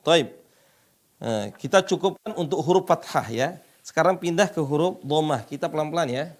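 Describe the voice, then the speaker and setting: A man's voice: on the high side, moderate pace. A man teaching Quran recitation, patiently repeating each phrase and drawing out the model readings for his students. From Indonesia.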